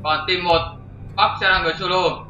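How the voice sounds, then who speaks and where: A man's voice: high voice, steady tone, brisk, pushed and bright. A man hosting his channel and commentating a game replay in a chatty, jokey way with crude slang. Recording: roomy, dull lo-fi with faint music.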